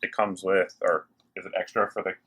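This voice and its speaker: A man hosting a gear review video chats enthusiastically to camera as he showcases products in a working factory. His voice sits low with little pitch movement, a fairly bright tone, and a breathy edge, and he speaks fairly quickly. Machines and clicks sound in the background.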